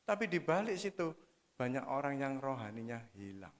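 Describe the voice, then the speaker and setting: A man preaching a sermon, calling the congregation "saudara" and swinging between soft, low asides and loud, emphatic exhortation. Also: big pitch swings, moderate pace.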